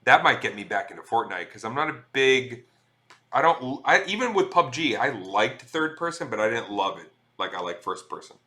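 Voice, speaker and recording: A middle-aged man talking loosely to his live-stream audience, reading viewer comments out loud and cursing often. His voice has a bright, forceful edge and sits at an ordinary pitch for a man. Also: lively intonation, normal speed, slight background noise. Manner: chatty, swears freely, reads chat aloud. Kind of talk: casual live-stream chat.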